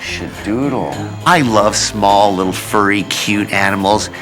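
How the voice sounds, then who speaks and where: A man's voice: on the low side, a little slow, music in the background. A man chatting casually in a playful, gushing way. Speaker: doctor co-hosting a reality show. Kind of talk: casual chat.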